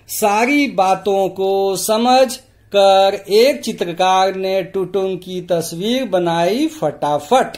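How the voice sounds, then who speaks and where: High-pitched guy teacher walking kids through a story lesson, slow, keeps asking them questions. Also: darkish tone. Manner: patient, asks the class questions, tags "है ना" often. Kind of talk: explaining a storybook lesson to children.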